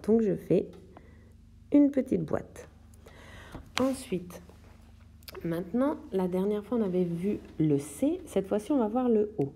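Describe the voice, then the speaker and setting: A woman guides young children through handwriting, narrating each stroke in slow, careful steps. Her voice is deeply mellow and dark in tone, and she takes her time, unhurried and patient in delivery. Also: slight background noise. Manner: slow, step-by-step instructions while writing. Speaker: teacher. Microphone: tablet microphone.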